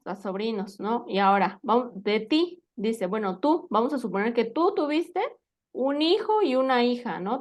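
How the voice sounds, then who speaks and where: Patient woman teaching English. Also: a little high. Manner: patient, checks understanding with frequent questions. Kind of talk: spoken language lesson.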